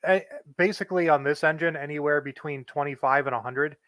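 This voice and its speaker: Male guest player, slightly higher voice, monotone explainer, dry close sound. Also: brisk, dry recording. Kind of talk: casual gameplay explanation.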